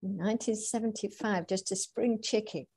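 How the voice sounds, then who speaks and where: A woman hosting a podcast interview, chatty and quick to laugh. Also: medium pitch, fairly even intonation, creaky, mellow, slightly rough, no echo. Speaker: podcast host. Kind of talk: casual interview.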